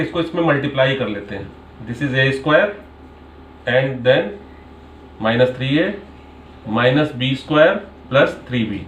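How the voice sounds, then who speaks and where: A man's voice: medium pitch, highs cut off. A man, a maths teacher, patiently explaining a question paper step by step and mixing in English terms. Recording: echoey room sound.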